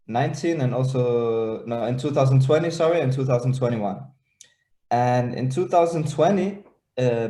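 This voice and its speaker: A man's voice: medium pitch, warm tone, reverberant. A young man from Denmark and Israel, a startup founder presenting on a video call, talking hesitantly with many fillers and restarts.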